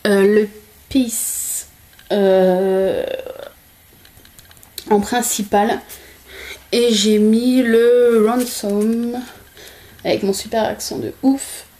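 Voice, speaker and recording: A woman's voice: mid-range voice, darkish tone. A young woman chatting casually in a makeup haul vlog at home by a window, with many hesitations. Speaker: beauty vlogger.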